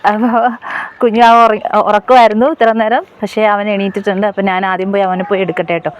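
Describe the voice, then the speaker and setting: A woman's voice: mid-range voice, level tone, fast talker. A young woman and mother chatting casually in a family vlog, coaxing and teasing small children.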